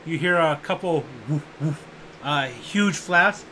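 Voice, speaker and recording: A man narrating a tabletop game as game master, animated and often stopping to restart. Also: fairly high pitch, slow pace, slight background noise.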